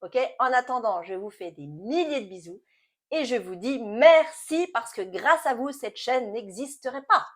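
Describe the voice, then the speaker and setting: A woman in her late forties, chatting casually to camera as a beauty vlogger, animated and stop-start with repeated words. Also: fairly high pitch, a little slow. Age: late 40s.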